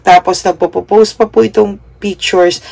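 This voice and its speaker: A woman's voice: mid-range voice, steady tone, a little slow, vocal fry, warm tone, dry recording. A woman giving a tarot reading straight to her viewers. She speaks politely and ends almost every phrase with a questioning tag. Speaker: tarot card reader.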